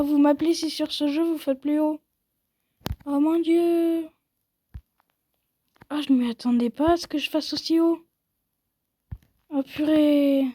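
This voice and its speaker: A woman's voice: high voice, warm tone. A woman giving casual commentary while playing a mobile game, rambling playfully and poking fun at herself. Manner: playful, rambling and self-mocking.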